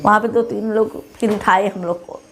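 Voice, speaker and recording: A woman's voice: mid-range voice, steady tone, normal speed, background noise. A middle-aged woman with a Bhojpuri-tinged Hindi accent gives an interview as the mother of the deceased. She rambles and repeats herself, and she acts out what others said to her. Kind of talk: emotional testimony interview.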